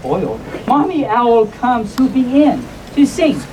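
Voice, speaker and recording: Performing as a live storyteller in a hotel convention room, a woman reads funny bedtime stories with a mellow, slow delivery, her fairly high voice swinging widely in pitch. She's playful and keeps interrupting herself with chatty asides, captured on a distant mic amid audience noise.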